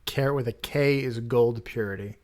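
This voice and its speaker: A man's voice: mid-range voice, normal speed, darkish tone. A man hosting a casual podcast, reading out trivia questions and hints in a plain, teasing way. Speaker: podcast host. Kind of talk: casual podcast quiz chat.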